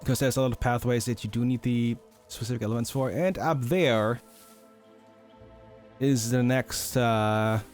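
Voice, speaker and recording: A man casually commenting on his game while streaming, thinking aloud in a relaxed way. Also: medium pitch. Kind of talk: casual let's-play commentary.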